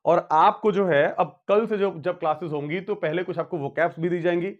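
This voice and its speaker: A man with a high voice teaches a grammar lesson, going over each point again and again and calling his students children. The recording is muffled and lo-fi. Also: moderate pace. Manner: explains with repetition, addresses students as children. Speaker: English teacher.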